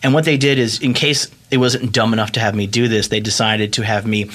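A man's voice: fairly low pitch, steady tone, brisk, fairly bright tone. A man hosting a podcast, chatting casually, joking and stumbling over words. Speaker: podcast host. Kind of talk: casual chat.

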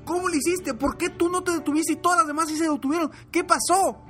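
A man's voice: very high-pitched, fairly even intonation, fast, sharp tone, soft background music, pitched above the performer's own voice. A man voicing eager reporters who fire questions at a winner.

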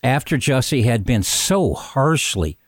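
A man's voice: mid-range voice, animated, measured pace, no echo. A male podcast host talks through events in a conversational, emphatic way. His voice is recorded dry and close, with no room sound. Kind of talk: podcast commentary.

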